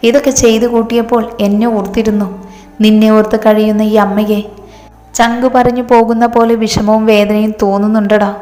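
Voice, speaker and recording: A woman's voice: medium pitch, little pitch movement, brisk, mellow, reverberant, big-room sound, lightly acted. A woman voicing a bitter vengeful mother. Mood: scornful grief. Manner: scornful, grief-stricken.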